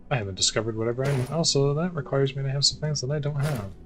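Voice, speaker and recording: A man's voice: mid-range voice, fast, faint music behind, low-quality recording. A man giving casual, sarcastic commentary while playing a game solo, thinking aloud as he goes. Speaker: gameplay streamer.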